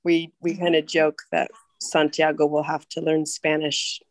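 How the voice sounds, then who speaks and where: A woman in her thirties from California, telling her story as a podcast guest in a relaxed, chatty way. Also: sits low, measured pace, dry recording. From California, USA. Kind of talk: personal storytelling interview.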